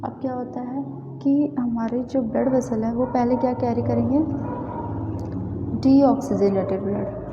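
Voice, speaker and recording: A woman's voice: on the high side, steady tone, measured pace, long pauses. A woman teaching anatomy in a casual lesson, walking through diagrams and often checking that listeners follow. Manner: repeats "theek hai" often, checks understanding. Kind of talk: informal lesson explaining diagrams. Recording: roomy, long reverb, dull, faint hiss.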